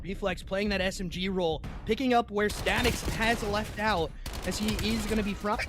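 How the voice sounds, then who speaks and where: A man's voice: high voice, fairly even intonation, normal speed, noisy background. A young man casting an esports match play-by-play, chatting to his stream viewers and apologizing for a bout of hiccups. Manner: hiccuping, apologetic asides to chat. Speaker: esports caster. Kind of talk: play-by-play commentary.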